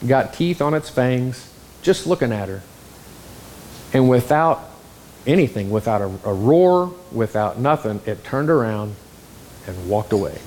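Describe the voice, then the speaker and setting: A man preaching a sermon, telling a story in an animated, exclamatory way. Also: mid-range voice, a little slow, pauses often, slight background noise. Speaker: pastor.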